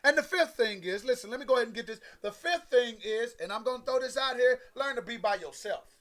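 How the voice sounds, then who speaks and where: Very high-voiced man preaching emphatically. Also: lively intonation, brisk, fairly bright tone. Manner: emphatic, repetitive preaching with direct address to listeners; conversational, folksy phrasing. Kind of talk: motivational sermon.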